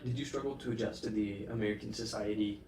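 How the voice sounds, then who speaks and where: A man's voice: fairly low pitch, steady tone, fast, darkish tone, echoey room, far from the mic, rough recording. A man interviewing a guest with brief, plain questions.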